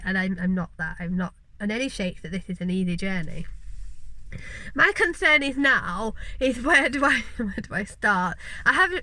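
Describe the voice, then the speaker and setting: In a casual vlog shot on a low-quality recording, a mature law student from West Yorkshire talks to the camera about her studies. She has a Yorkshire accent and a sharp, medium-pitched voice, and she speaks earnestly with lots of ums and tangents.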